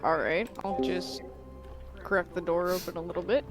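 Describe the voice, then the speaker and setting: A man's voice: high voice, steady tone, normal speed, soft background music. A man speaking casually as a player in a tabletop role-playing game.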